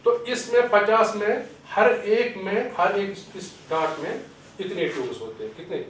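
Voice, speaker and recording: A man with a Kashmiri accent gives a training lecture in a lecture hall, explaining step by step, asking questions and answering them, and slipping in English terms. His voice sits high and a bit bright, picked up by a distant mic in an echoey hall with faint hiss.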